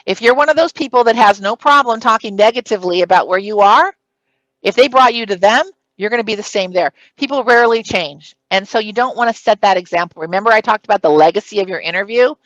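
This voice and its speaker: Speaking fast in a mid-range voice, a woman presents a conference session on interview preparation, using a strong, projected delivery and emphatic, numbered points. It's a recorded career-advice talk, and the audio is dry and dull.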